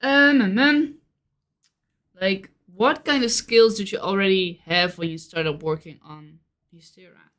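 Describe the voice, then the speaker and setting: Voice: medium pitch, unhurried, a bit bright. A host running a casual Q&A, chatty and reading out audience questions. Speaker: interviewer. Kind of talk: casual Q&A hosting.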